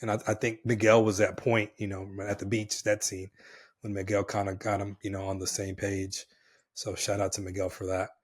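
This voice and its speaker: A male podcast co-host with a slightly low voice gone hoarse, chatting casually. He talks with energy, often tossing in brother and man. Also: level tone, moderate pace.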